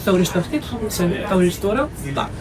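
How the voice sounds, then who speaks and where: Crowd noise surrounds a netball player giving an interview, a young adult woman with an Australian accent who came from Iceland and has lived in Australia since she was three. She talks in a casual, informal way at normal speed, her medium-pitched voice full of lively intonation.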